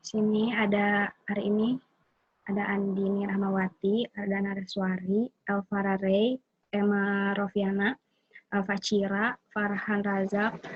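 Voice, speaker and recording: Young woman explaining stuff to class, flat husky voice, lo-fi call audio. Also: mid-range voice. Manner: informal, hesitant, many fillers. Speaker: student presenter. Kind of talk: casual class presentation.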